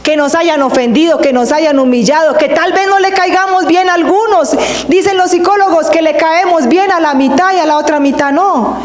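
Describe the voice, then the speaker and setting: A woman preacher delivering a sermon, reading scripture and explaining it with earnest, drawn-out emphasis. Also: very high-pitched, slight background noise. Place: church hall. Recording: echoey hall with long reverb.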